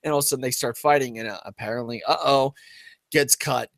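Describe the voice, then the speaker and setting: A man co-hosting a casual recap show, talking animatedly and jumping into loud character bits as he retells scenes. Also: mid-range voice, fast talker, creaky, no echo.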